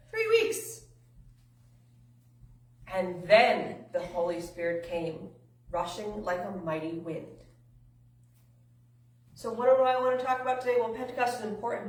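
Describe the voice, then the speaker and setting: A woman leads a children's church lesson, reading scripture aloud with energy and adding chatty asides for the kids. Her voice sits at a middle pitch and is picked up from some distance in an echoing room. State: a little out of breath. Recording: roomy, from a distance.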